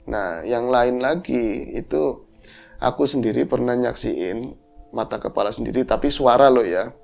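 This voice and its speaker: A man's voice: mid-range voice, a little slow, creaky, soft background music. A man, telling a horror story in casual chat and acting out the voices in it. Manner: animated, acts out voices in his story. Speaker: horror podcast host.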